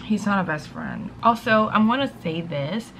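A woman's voice: medium pitch, lively intonation, moderate pace, noisy background. Chatty young woman book vlogger. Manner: chatty, exasperated, often whispers asides. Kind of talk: casual reading vlog chat.

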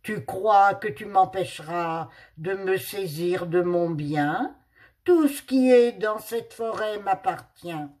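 A woman plays a menacing panther spirit from a storybook forest, slow and heavy in her threats. She snarls out her words with weight. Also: mid-range voice, a little mellow. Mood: furious. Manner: growling fury turning to trembling pleas.

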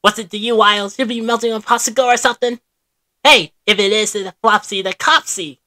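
A woman's voice: a little high, fairly even intonation, fairly quick, bright, forceful tone, no echo. A woman voicing a shifty male weasel hustler in a cartoon, talking in a slick, cocky, tough-guy way.

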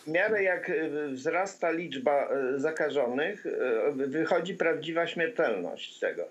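A man with a Polish accent, a commentator guest speaking halting and with frequent fillers over a video call. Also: fairly high pitch, lively intonation, lo-fi sound. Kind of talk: video-call political discussion.

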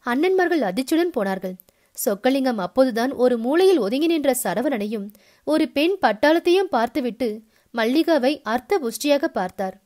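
A woman narrates a novel aloud with a notably high voice. Her reading is steady and expressive, carrying the listener from scene to scene. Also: normal speed. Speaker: storyteller.

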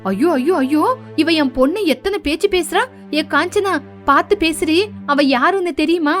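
A woman voicing a domineering older mother-in-law in an animated story, scolding and bossy. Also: high-pitched, normal speed, faint music behind, close to an everyday voice.

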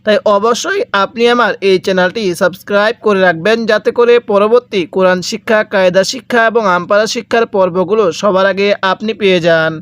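A man from Bangladesh teaching a Noorani Qaida lesson, spelling out syllables slowly and having listeners repeat after him. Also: high voice, a bit bright, smooth, no room sound. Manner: slow spelled-out recitation of letter drills, repeating each syllable. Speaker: Quran reading teacher.

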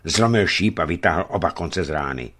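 Deep-voiced male story reader. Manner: expressive storytelling reading. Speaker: radio reader. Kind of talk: audiobook narration.

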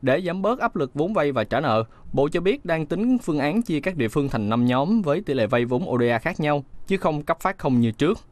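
A man reading a scripted news voice-over in a steady, measured way. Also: fairly high pitch, dry recording. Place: studio booth.

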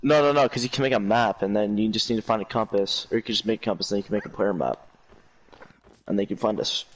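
A man's voice: fairly low pitch, fast, poor audio. Laid-back young man explaining game tips. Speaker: friend playing along. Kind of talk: casual gaming chat.

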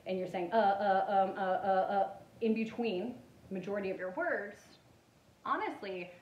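A woman teaching public speaking in a relaxed, conversational lecture, with frequent fillers and acted-out examples. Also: medium pitch, muffled recording. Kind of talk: informal lecture. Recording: echoey room from far off with faint noise.

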